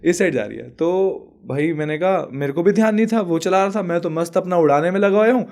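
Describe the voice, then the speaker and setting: High-voiced young man telling a story. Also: a little fast, creaky, slight background noise. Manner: animated storyteller, laughs often. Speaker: podcast guest. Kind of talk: casual chat, storytelling.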